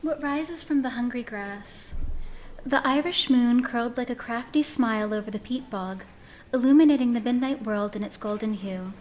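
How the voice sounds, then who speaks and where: A woman reading a piece of fiction aloud in an expressive, dramatic storytelling manner. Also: fairly high pitch, moderate pace, slight background noise. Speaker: story reader.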